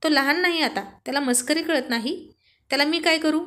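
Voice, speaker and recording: A woman's voice: high-pitched, brisk, sharp tone, voice pushed up. A woman voicing a stubborn young man who mocks his friend in a spoken story. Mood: needling.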